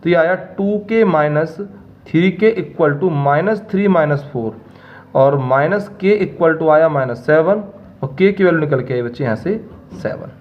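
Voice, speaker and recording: A man's voice: fairly high pitch, expressive, unhurried, muffled recording. A male maths teacher explaining problems step by step and checking in with his students. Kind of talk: classroom maths lesson.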